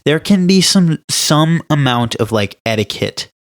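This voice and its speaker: A man's voice: on the high side, measured pace. A young man co-hosting a podcast, chatting casually and telling stories with emphasis and laughter. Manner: animated, laughing, emphatic storytelling. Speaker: podcast co-host. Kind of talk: casual chat.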